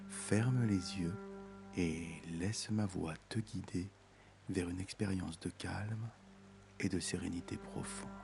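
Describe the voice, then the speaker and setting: A man guiding a meditation in a soft, soothing, intimate voice, as if speaking right into your ear. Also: deep voice, gravelly. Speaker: meditation guide. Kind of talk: guided meditation. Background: music.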